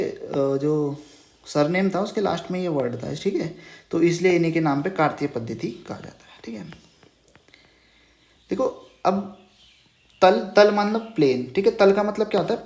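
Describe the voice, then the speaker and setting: A man's voice: sits high, a little mellow. Roomy-sounding male teacher, patient. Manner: checks in with "ठीक है" after nearly every phrase; patient, repeats key terms as questions. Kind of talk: Hindi math lesson over a whiteboard. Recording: roomy echo.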